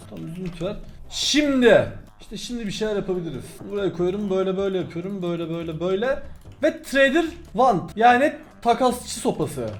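A young man giving excitable, casual commentary over his own gameplay, swearing lightly and talking straight to his viewers. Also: high-pitched. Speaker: gaming YouTuber.

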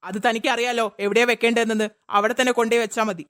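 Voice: medium pitch, flat delivery, quick pace, a bit bright, smooth, natural voice. A performer voicing a curt, irritable male office boss in a cartoon. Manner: curt, dismissive.

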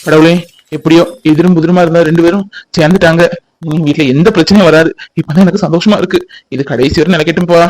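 Man playing a cartoon husband, earnest, high voice, talks fast. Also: fairly even intonation, a little mellow, close to an everyday voice, rough recording. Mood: relieved. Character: young husband caught between mother and wife. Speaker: husband and son. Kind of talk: cartoon voice acting.

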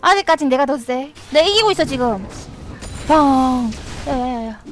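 A young woman with a very high voice gives live commentary while she plays a game. She chatters to herself and keeps breaking into excited shouts at the action. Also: moderate pace, faint music behind. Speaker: game streamer.

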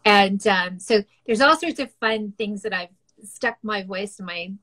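A middle-aged woman who works as a voice casting director and voice actor chats casually in an interview, laughing frequently between filler words. Her mid-range voice is slightly slow and a touch bright.

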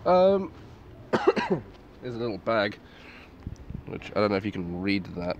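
A man with a fairly low voice reviews gear in a casual, off-the-cuff way. He is understated and sweary, muttering asides as he goes. He is recorded outdoors with some background noise. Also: big pitch swings, takes it slowly, highs cut off. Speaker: military surplus gas mask reviewer. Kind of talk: casual unscripted product review. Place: outdoors in a garden at night. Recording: clearly noisy outdoor recording.

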